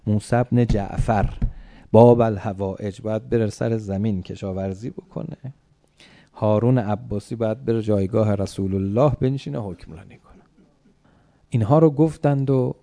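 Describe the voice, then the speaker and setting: A man preaching, retelling a story dramatically, turning from hushed to loud and declaiming, and speaking straight to his listeners. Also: fairly low pitch, creaky. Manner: addresses listeners directly.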